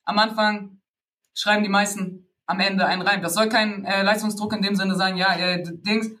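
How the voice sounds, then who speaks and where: A man's voice: high voice, steady tone, normal speed, sharp tone. A man giving a casual spoken lesson on rapping, loose and slangy, with many fillers and little laughs between points. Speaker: rap workshop teacher.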